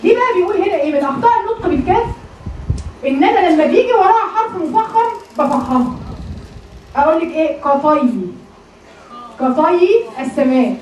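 An Egyptian-accented teacher drills her students on how letters are pronounced in a Quran recitation class, questioning them in a very high-pitched, expressive, darkish voice at a quick pace. The recording is roomy and distant, with a little hiss or hum and a chattering class in the background.

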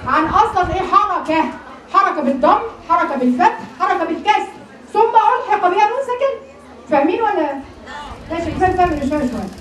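A woman's voice: very high-pitched, slight background noise. Egyptian woman, recitation teacher, quizzes students, echoey room, busy class in background. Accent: Egyptian Arabic. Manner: questioning, drills students by repeating words. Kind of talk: classroom lesson with drills. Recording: roomy, distant from the mic, chattering class behind.

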